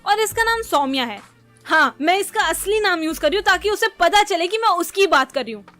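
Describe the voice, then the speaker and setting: A young woman telling comic stories about her childhood with sarcastic, self-mocking timing. Her voice sits very high and stays expressive throughout. Light music runs beneath the narration. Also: a little fast. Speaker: animated storyteller. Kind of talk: comedic storytelling narration.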